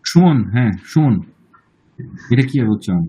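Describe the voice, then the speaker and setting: A man with a Bangladeshi accent teaching an online German class, drawing out words slowly and checking in with students often. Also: mid-range voice, very animated, warm tone, low-quality recording. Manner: slow, drawn-out model pronunciations, checks in often.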